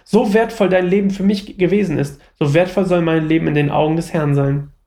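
A man's voice: fairly high pitch, fairly quick, creaky, dark tone. A man reading as earnest young warrior David. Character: young male warrior fugitive, loyal and devout.

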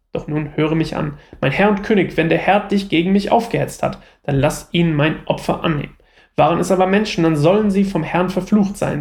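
A man's voice: high voice, creaky, darkish tone. A man voicing a devout young fugitive warrior, reading his lines earnestly and pleadingly.

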